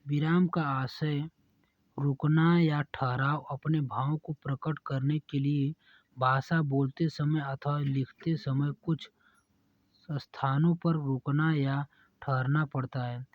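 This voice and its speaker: A man who teaches, reading exam answers aloud in a steady dictation-like way and correcting himself now and then. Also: on the high side, slow, no room sound, muffled recording.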